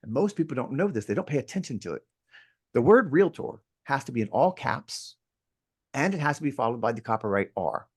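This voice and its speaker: A man who teaches real estate, talking in an interview with a lively, playful, emphatic manner from his home. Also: mid-range voice, brisk, slightly rough. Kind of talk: interview conversation. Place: at home near an outdoor deck.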